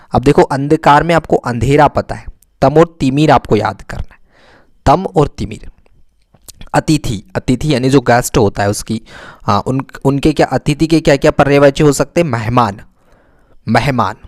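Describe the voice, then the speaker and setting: A man's voice: mid-range voice, dry recording, studio quality. A man teaching a vocabulary lesson to children, repeating each word several times and asking questions that he answers himself. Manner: repeats words slowly, asks and answers himself.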